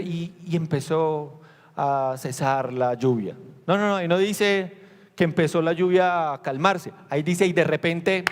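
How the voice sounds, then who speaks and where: A male pastor preaching to his congregation in a slightly higher voice, caught on a recording with the long ringing reverb of a church hall. He tells the story with animation, acting out the disciples' lines and putting questions to the congregation. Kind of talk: sermon.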